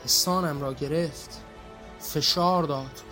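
High-voiced man reading with intense drama. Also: soft background music. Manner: intense, theatrical, moving between hushed and anguished. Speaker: reader.

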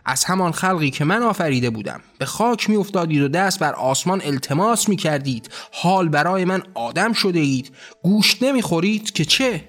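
A man's voice: fairly high pitch, expressive, fairly bright tone, pitched above the performer's own voice. A man voicing a wrathful, ranting male god who bellows scornful tirades in a storybook reading. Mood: raging.

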